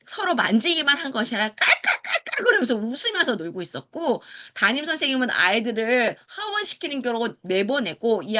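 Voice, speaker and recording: Bright, animated woman lecturer. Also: fairly high pitch. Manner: acts out quoted teachers and children in lively voices; asks the audience questions and answers them. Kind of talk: lecture to parents.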